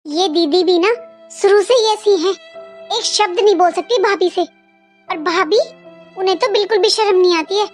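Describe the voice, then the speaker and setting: An outspoken young sister from a family cartoon, as a woman voices her, with a very high, sharp delivery. She is indignant and says exactly what she thinks. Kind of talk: cartoon voice acting.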